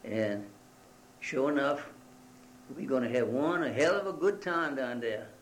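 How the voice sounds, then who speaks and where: A homespun Cajun yarn-spinner, as a man puts him on, talking in broken dialect English sprinkled with French phrases. His voice sits at an ordinary male pitch, with a faint hiss in the background. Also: animated, unhurried, lightly acted, rough recording. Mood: folksy. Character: folksy Cajun man spinning a bayou tale.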